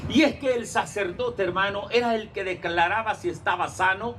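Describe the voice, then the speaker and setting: A male pastor preaches in a very high voice, retelling a Bible story with bursts of shouting for the characters' lines. He often turns to his listeners as brother. Faint noise hangs under the recording. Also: moderate pace. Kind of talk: sermon.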